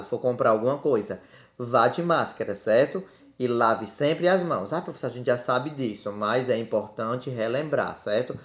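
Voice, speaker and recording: A male teacher gives a home-recorded lesson, speaking at a middle pitch. He talks in a didactic way and keeps checking in with his students after every point. The room lends his voice a noticeable echo. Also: fairly bright tone. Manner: didactic, ends phrases with "certo?". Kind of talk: remote classroom lesson. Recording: roomy echo.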